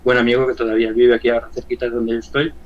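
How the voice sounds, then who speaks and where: A man in his sixties from Valencia with a Spanish accent from Spain, giving an earnest personal testimony as an interview guest, often halting and repeating words. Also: medium pitch, little pitch movement, highs cut off. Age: 60s. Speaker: interview guest, church member.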